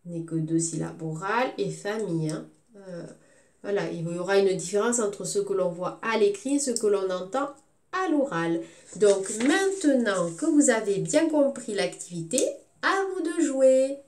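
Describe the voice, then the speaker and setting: A woman teaching a recorded phonics lesson to young children, sounding out syllables slowly and clearly. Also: mid-range voice, reverberant. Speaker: kindergarten teacher.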